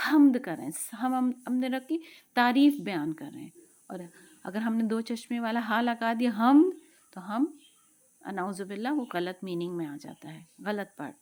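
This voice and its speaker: A woman teaching Quran pronunciation, explaining patiently and slowly modelling each letter sound, sometimes dropping to a soft whisper. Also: medium pitch. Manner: drops to a soft whisper at times. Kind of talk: tajweed lesson.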